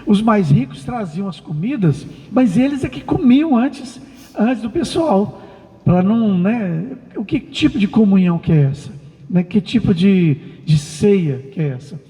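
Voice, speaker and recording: A man's voice: sits high, expressive, unhurried, warm tone. A male pastor with a Brazilian Portuguese accent preaching a sermon in a conversational way, often checking in with his listeners with tag questions. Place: church hall. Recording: long reverb of a church hall.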